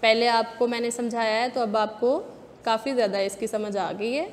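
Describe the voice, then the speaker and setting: A woman's voice: a little high, steady tone, normal speed. A woman kindergarten teacher with a Pakistani Urdu accent, patiently sounding out letters syllable by syllable in a spelling lesson for young children. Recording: long reverb, faint background noise.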